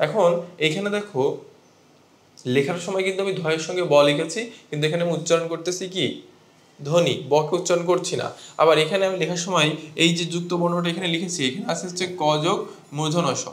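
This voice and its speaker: A man's voice: high voice, fairly even intonation, fast, roomy sound. A man teaching a grammar lesson to students, explaining step by step and asking them questions. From Bangladesh.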